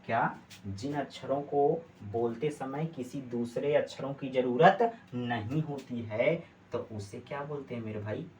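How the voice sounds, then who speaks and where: A man's voice: mid-range voice, a little slow, warm tone. Male teacher, classroom lesson, quizzes students over and over, distant mic with faint hiss. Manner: asks students repeated check questions.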